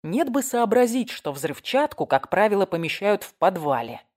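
A woman narrating a novel in a scripted, expressive storytelling manner. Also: medium pitch, normal speed. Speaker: audiobook narrator.

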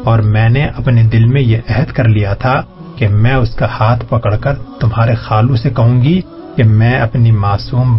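A man's voice: mid-range voice, close to an everyday voice. A man voicing an affectionate middle-aged aunt in an audiobook, speaking tenderly and soothingly. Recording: dull lo-fi audio, faint music.

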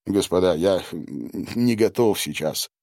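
A man reading an audiobook and voicing a worn-out middle-aged male doctor who speaks haltingly. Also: deep voice, darkish tone, no room sound, clean studio sound. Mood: weary. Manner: faltering, halting speech.

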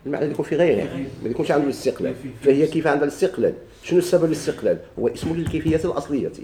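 Fast, mellow Moroccan male teacher. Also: on the high side, expressive, slight background noise. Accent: Moroccan Arabic. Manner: asks the class questions and answers them himself. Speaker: grammar teacher. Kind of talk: classroom grammar lesson. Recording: echoey room.

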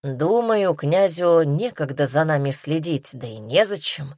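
A woman's voice: deep voice, animated, unhurried, a little mellow, no echo, studio quality. A woman voicing a talkative, lecturing male creature companion in an audiobook.

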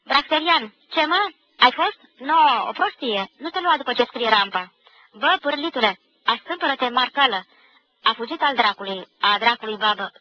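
A woman voicing a crowd of rowdy boy schoolboys shouting taunts and nicknames, in an old lo-fi radio recording. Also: on the high side, lively intonation. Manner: loud, rowdy, taunting calls. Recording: dull lo-fi archive radio recording.

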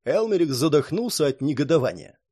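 Brief: male fantasy audiobook narrator, lively pitch, a bit high. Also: a little fast, husky.

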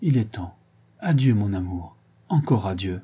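A man's voice: lowish voice, animated, a little slow, mellow, breathy edge, exaggerated voice. A man reading aloud voices a passionate young woman of twenty, lifting his voice and speaking in a feverish, urgent way. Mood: tender.

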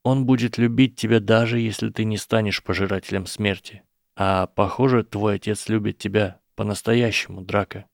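An earnest young wizard, as a male reader plays him explains his argument slowly and persuasively. His low, gravelly tone stays close and dry, with no room around it. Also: fairly even intonation, no echo. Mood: apologetic pleading. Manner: measured, persuasive, slow explaining. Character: earnest boy wizard, calm and reasoning. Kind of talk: audiobook character voice.

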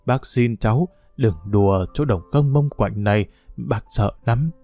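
A man's voice: mid-range voice, measured pace, close to an everyday voice. A man reading a grieving old man's lines as he murmurs and pleads with his drowned nephew, in an audiobook story. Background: soft guitar music.

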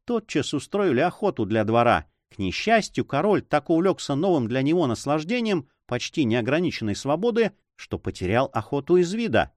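A man reading aloud, voicing a composed priest who speaks calmly and coolly. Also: on the high side, normal speed, few pauses, dry recording, studio quality. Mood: storytelling. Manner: calm, cool. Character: calm, measured male priest, cool and composed. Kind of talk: audiobook character reading.

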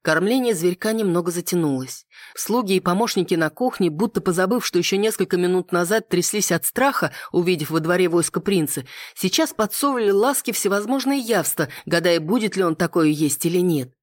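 Dry, steady audiobook narrator. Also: mid-range voice, fairly quick, no room sound. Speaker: audiobook reader. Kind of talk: scripted narration.

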